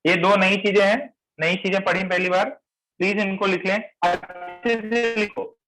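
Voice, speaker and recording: In a classroom lecture, a man teaches chemistry in Hindi mixed with English phrases, repeating key terms and quizzing his students. His high voice is flat, pushed and bright at a normal pace, with faint music behind and poor audio quality.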